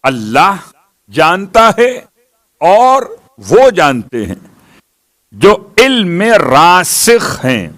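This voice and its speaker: A man delivers a sermon in a fairly high voice. He sets out rhetorical questions and answers them, and he recites scripture with swelling emphasis. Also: sing-song, long pauses, a bit bright. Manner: recites Arabic verses with rising emphasis. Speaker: Shia preacher. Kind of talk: religious sermon.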